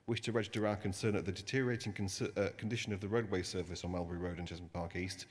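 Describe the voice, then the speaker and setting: Low voiced councillor guy reading petition fast, formal, long echo in the chamber. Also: fairly even intonation. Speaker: city councillor.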